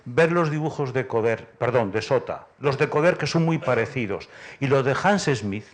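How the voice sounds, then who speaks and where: A man's voice: mid-range voice, lively intonation, normal speed. A man offering a spontaneous comment at a conference, searching for his words as he goes.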